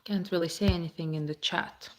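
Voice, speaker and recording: Woman, fairly low voice, casual live-stream chat into a phone, chatty, answers viewer comments. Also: fairly even intonation, brisk, slight background noise. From Baltic states.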